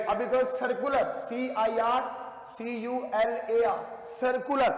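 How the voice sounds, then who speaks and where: A man, with a very high-pitched voice, lecturing an English grammar class at a whiteboard. He talks emphatically and repeats key words for his students. The sound rings with long reverb in an echoey classroom. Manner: emphatic, repetitive, addresses students as children. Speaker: English teacher.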